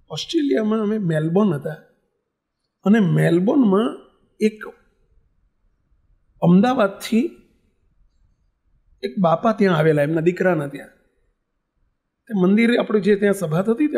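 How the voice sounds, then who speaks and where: A man's voice: high voice, a little mellow. A man, a spiritual leader, giving an earnest, emphatic sermon with storytelling.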